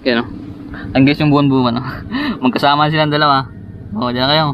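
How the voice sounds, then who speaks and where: A man talks his viewers through a fishing outing outdoors, chatty and easygoing, with sudden excited outbursts. The sound is muffled and lo-fi, like an onboard camera mic, with a faint hiss in the background. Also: medium pitch, brisk. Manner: excited bursts, chatty, addresses viewers as guys. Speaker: vlogger. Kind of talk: casual fishing vlog narration. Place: outdoors by the water, rural.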